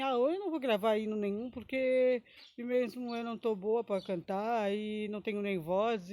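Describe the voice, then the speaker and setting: A woman's voice: on the high side, darkish tone. A woman giving an emotional personal testimony, rambling, often adding tag questions and breaking into short praise exclamations.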